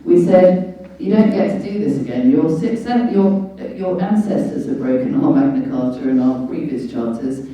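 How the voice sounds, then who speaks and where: A British woman with a dark, bass voice gives an informal public lecture on law and rights as a guest speaker at a public meeting. She explains emphatically and didactically, using rhetorical questions. The large indoor venue is very echoey, heard through a distant mic with a dull sound.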